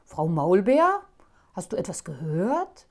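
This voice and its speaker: A woman voicing a proud, blustering middle-aged homeowner in a storybook, given to loud exclamations. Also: on the low side, big pitch swings, slow pace, faint music behind, full character voice.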